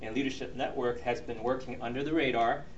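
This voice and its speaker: Middle-aged Taiwan-born man, earnest ministry speaker, halting delivery; roomy, distant, muffled recording. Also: mid-range voice, fairly even intonation. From Taiwan, raised in the U.S. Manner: earnest, with frequent ums and restarts. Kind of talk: presentation to a church audience. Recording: roomy, distant, dull recording with faint noise.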